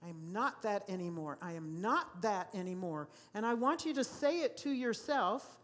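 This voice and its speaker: A woman's voice: mid-range voice, animated, moderate pace. A woman pastor preaching a sermon to a congregation in a church, emphatic and given to repeating key phrases. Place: church sanctuary.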